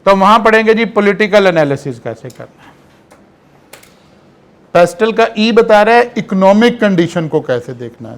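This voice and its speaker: A man giving an online classroom lecture, explaining step by step and checking in with rhetorical questions. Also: high voice. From Pakistan.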